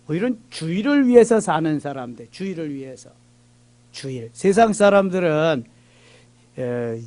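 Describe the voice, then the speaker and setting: A man's voice: fairly high pitch, mellow. A man preaching a Korean church midweek sermon, reading scripture aloud and driving points home with emphatic repetition. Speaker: pastor. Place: church sanctuary.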